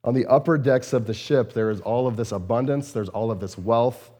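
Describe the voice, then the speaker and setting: A lead pastor delivers a conversational sermon in an earnest manner, his medium-pitched, dark voice brisk yet somewhat strained and hoarse. He repeats words often and leans on fillers.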